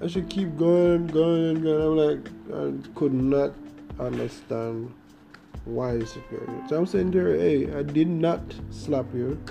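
Speaking slowly with vocal fry, a young Jamaican man voices his own podcast in a Jamaican accent, his pitch a little high and his tone steady. He tells a story casually but hesitantly, rambling with many fillers and restarts, while guitar plays in the background.

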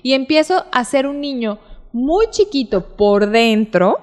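A woman explains child behavior in a high, animated voice. She acts out little examples as she talks. The sound carries a long hall reverb. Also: measured pace. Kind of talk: explanatory talk show chat.

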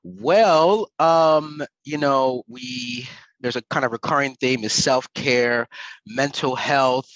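A man's voice: medium pitch, slow, a bit bright, no room sound, muffled recording. American guy hosting a podcast, casual chat, really dry close recording. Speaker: podcast host.

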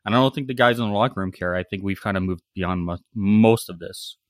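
Dry, mid-pitched man on a podcast. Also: fast talker, no room sound. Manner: crude jokes, then calm level opinions. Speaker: podcast co-host on a remote line. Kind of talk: casual chat.

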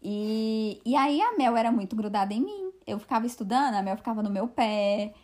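A young woman co-hosting a casual podcast, relaxed, chiming in and adding details. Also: fairly high pitch, fairly quick. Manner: relaxed, chimes in and adds details. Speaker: podcast co-host. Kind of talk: casual chat.

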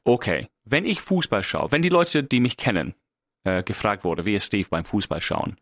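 A man's voice: lowish voice, very animated, moderate pace, dry recording, studio quality. A middle-aged man from England with an English accent, speaking German as a second language in a casual, self-mocking podcast monologue full of fillers and restarts. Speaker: podcast host.

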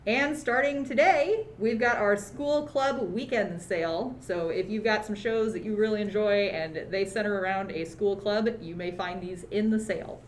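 A woman's voice: medium pitch, normal speed, few pauses, slight background noise. A woman giving a casual sales segment on a podcast, upbeat with joking asides. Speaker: merchandiser on the podcast.

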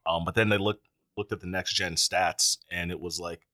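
A man's voice: low-pitched, steady tone, moderate pace, sharp tone, no room sound, studio quality. A man on a podcast breaking down a football game with stats. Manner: analytical sports talk. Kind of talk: casual chat.

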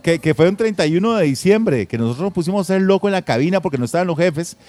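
A man with a Costa Rican accent, a former radio announcer, telling lively, laughing anecdotes full of slang and mimicking other people's voices. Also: high voice, rapid-fire, no echo. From Costa Rica. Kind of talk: casual storytelling chat.

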